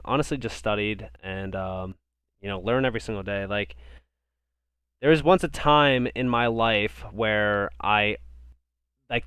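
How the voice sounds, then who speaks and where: Running a crypto live stream, this young American reads out viewer comments and replies in a loose, rambling style with frequent word repetition. His voice is on the low side, a bit bright and smooth, without any echo.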